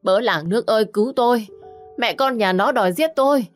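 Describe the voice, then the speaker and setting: A woman's voice: medium pitch, normal speed, faint music behind, voice pushed up, natural voice. A woman voicing a scheming pregnant mistress in a village who wails and taunts melodramatically. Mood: wailing.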